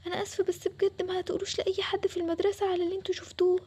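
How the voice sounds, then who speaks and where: This is a bragging schoolgirl with an Egyptian Arabic accent, voiced by a woman. She speaks fast and high in a role-play drama voice-over. Her manner stays showy and pleading. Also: steady tone, lightly acted. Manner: show-off, then pleading and soft. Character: boastful schoolgirl pretending to be rich.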